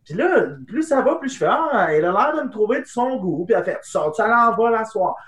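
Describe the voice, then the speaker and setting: Young québécois guy telling a wild story, goes quiet for punchlines, roomy echo. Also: high-pitched, brisk. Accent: Québécois French. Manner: animated anecdote telling, dropping to hushed tones for the punchlines. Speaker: improv guest. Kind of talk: casual storytelling.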